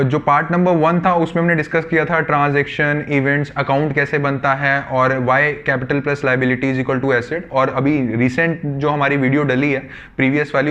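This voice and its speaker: A man teaching commerce students, speaking to them as children, repeating key words slowly and answering his own questions in the students' voice. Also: fairly high pitch, fairly bright tone, highs cut off. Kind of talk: classroom lecture.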